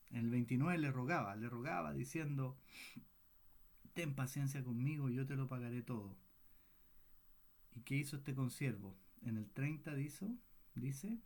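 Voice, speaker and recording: Guy teaching bible study, keeps asking the group questions, checks in with "mm?" a lot, unhurried. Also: mid-range voice, a little mellow. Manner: asks the group questions often, frequent "mm?" checks; unhurried, thoughtful delivery with restarts.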